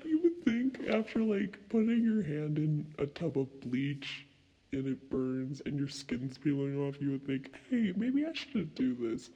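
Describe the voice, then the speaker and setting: A man's voice: fairly high pitch, measured pace, lo-fi sound. A young man co-hosting a casual late-night podcast, telling rambling stories full of swearing. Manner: rambling, swears a lot, animated storytelling. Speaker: podcast co-host.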